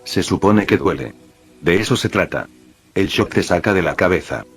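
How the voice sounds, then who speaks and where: A man voicing a blunt, sharp-tongued teenage girl in a read-aloud fan story, speaking dryly. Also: sits low, lively intonation, moderate pace, husky, faint music behind, full character voice.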